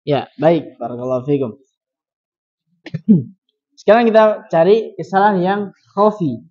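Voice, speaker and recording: A man with a Javanese Indonesian accent teaching Quran recitation, slowly demonstrating each syllable by repeating it. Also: high voice, lo-fi sound. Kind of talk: tajwid class instruction. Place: community study gathering in a room.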